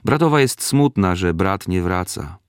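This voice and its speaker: A man reading a first-person memoir aloud in a measured, steady storytelling manner. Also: low voice, no room sound, clean studio sound.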